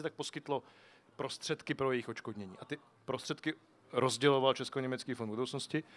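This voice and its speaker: A foundation director on a festival panel, a man explaining in a measured way with frequent fillers on a shared handheld microphone. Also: medium pitch, fairly bright tone. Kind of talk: panel discussion answer. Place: outdoor street festival stage.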